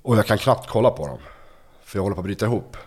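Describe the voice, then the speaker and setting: A young man telling a personal story in a conversation, halting and repeating words, padding with fillers. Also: on the low side, expressive, husky. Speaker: guest telling his story.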